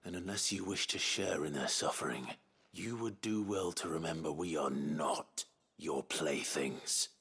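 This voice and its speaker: An actor playing a stern, defiant young warrior with a raspy voice, grim and measured. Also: male voice, a bass voice, a bit bright, heavily acted. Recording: game audio under faint music.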